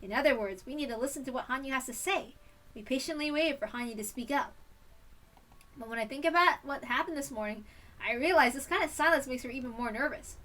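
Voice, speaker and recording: A woman reading a visual novel aloud in an animated, expressive way, a bit off-mic. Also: sits high, a little fast, recorded from a distance. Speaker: reader.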